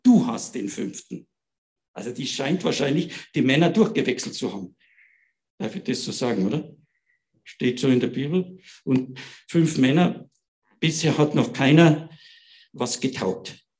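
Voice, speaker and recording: A man's voice: mid-range voice, animated, normal speed, a little mellow. A man giving an informal Bible talk, retelling scripture in everyday speech and often checking in with his listeners. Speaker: preacher.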